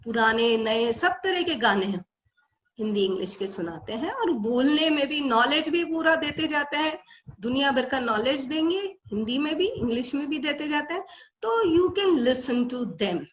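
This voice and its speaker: A woman's voice: high-pitched, expressive, measured pace, a little hiss or hum, rough recording. An older woman from India giving a webinar lecture, explaining patiently and switching between Hindi and English. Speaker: webinar speaker.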